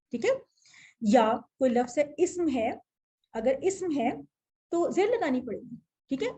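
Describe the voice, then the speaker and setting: High-voiced woman teaching Arabic grammar. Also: dark tone, highs cut off. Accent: Urdu-speaking, Pakistani. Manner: explanatory, asks the class questions. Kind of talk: classroom grammar lesson.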